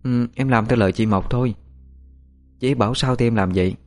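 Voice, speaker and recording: A man's voice: mid-range voice, fast, darkish tone, faint music behind, lightly acted. A man voicing a defiant young woman with a mocking, teasing manner. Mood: explaining.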